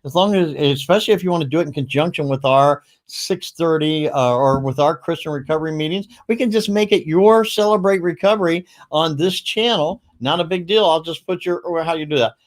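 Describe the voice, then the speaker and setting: A man hosting a casual livestream, talking in a rambling, upbeat way with quick asides. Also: on the high side. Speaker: livestream host.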